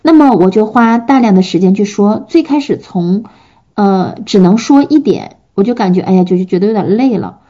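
Earnest woman preacher, dark husky voice. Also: mid-range voice, expressive, normal speed, dull audio. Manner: earnest, gentle, with frequent fillers. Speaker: pastor's wife answering questions. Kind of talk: sermon and Q&A teaching.

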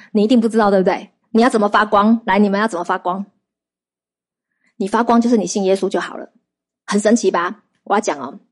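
A woman preaching, her voice sitting a little higher than most. She tells testimonies in a lively, conversational way and keeps asking her listeners questions. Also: slightly rough. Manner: lively storytelling with rhetorical questions to the audience. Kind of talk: sermon.

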